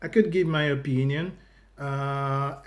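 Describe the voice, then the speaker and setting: This Brazilian man, a native Portuguese speaker, hosts a casual YouTube reaction video in accented English, chatting to viewers. His mid-range voice stays steady and slow. He often restarts phrases and fills pauses with "you know."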